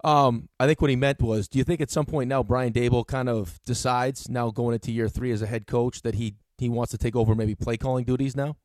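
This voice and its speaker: A man co-hosting a sports radio show, ribbing his partner and laughing often in quick, casual banter. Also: mid-range voice, fairly even intonation, darkish tone, no echo.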